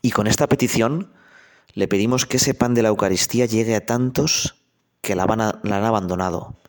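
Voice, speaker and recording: A priest preaching a conversational sermon, speaking directly to the listener with questions and anecdotes. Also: male voice, on the low side, a little fast.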